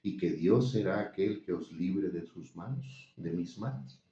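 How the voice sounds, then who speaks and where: A man's voice: low-pitched, measured pace, mellow. A man voicing a proud, wrathful ancient king in a commanding, solemn tone. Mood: threatening. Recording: dull, roomy, distant recording.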